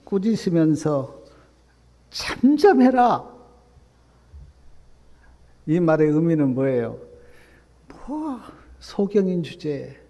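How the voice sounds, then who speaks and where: A male pastor preaching a sermon, swinging between soft, low asides and loud, emphatic appeals. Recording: long reverb of a church hall.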